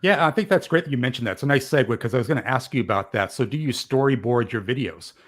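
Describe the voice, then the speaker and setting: A man's voice: medium pitch, lively intonation, quick pace. A man hosting a live stream show, upbeat and encouraging, reading out viewer comments. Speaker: host. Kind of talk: live show host chat.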